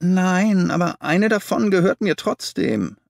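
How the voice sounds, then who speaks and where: Brief: male narrator plays a timid little man, trembling and whimpering, voice pushed high. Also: very animated, normal speed, no room sound, studio quality. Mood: pleading, frightened. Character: small frightened nervous man. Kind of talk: audiobook character voice.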